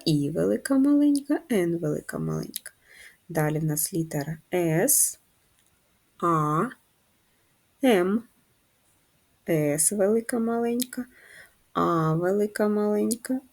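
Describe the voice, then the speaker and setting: A woman teaching a handwriting lesson to first graders, patient and slow, guiding the children step by step. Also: on the low side, a little mellow. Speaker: primary school teacher.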